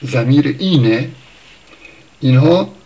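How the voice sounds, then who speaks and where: Man explaining word origins, unhurried. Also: medium pitch, lively intonation, mellow, muffled recording. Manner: thinks aloud, with pauses and self-corrections. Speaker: language teacher. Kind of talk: informal spoken lesson on word origins.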